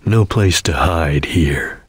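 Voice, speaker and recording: Espio, a husky, stoic ninja chameleon. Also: male voice, extremely low pitch, dry recording, clean studio sound, exaggerated voice. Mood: calm, instructive. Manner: terse, grave, deliberate instruction. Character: stoic male chameleon ninja, serious, watchful, disciplined. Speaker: video game character voice actor. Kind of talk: video game voice lines, hints and callouts.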